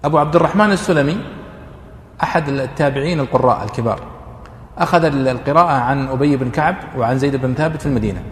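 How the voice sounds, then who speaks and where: A man, lecturing students on Quranic readings in an explanatory classroom manner and pausing on drawn-out fillers. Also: mid-range voice. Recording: echoey hall, faint ambient noise.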